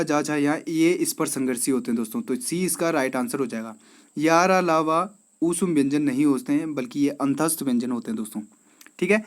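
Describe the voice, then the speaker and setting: A male teacher with an Uttarakhand accent and a voice that sits a little high for a man. He talks his viewers through quiz answers, calls them friends and keeps asking if they follow. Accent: Uttarakhand Hindi. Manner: addresses viewers as friends, repeats "theek hai". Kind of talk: exam quiz walkthrough.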